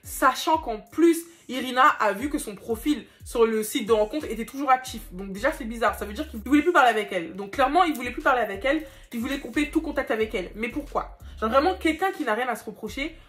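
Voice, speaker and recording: Fast-talking woman telling a storytime vlog. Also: a little high, soft background music. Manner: animated, addresses viewers directly. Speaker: vlogger.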